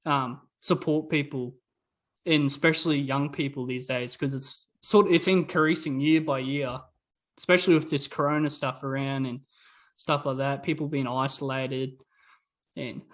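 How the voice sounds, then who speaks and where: A man's voice: a little high, fairly bright tone. A young man hosting a casual podcast, talking with lots of ums and likes. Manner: hesitant, many ums and likes. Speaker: podcast host.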